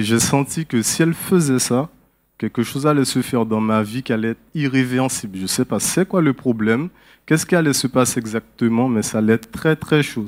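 Giving a personal testimony at a church service, a man from French Guiana talks candidly, as if in conversation, and pauses often. He has a middle-pitched, slightly mellow voice.

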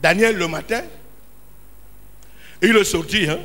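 A man's voice: high-pitched, unhurried, fairly bright tone. A man preaching a sermon as pastor in a church hall, impassioned and calling out in emphatic bursts. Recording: reverberant hall with faint ambience.

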